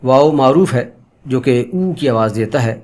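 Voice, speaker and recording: A man giving an online pronunciation lesson, explaining patiently and repeating example sounds slowly, politely addressing viewers as friends. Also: medium pitch, animated, a little mellow. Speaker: Urdu pronunciation teacher.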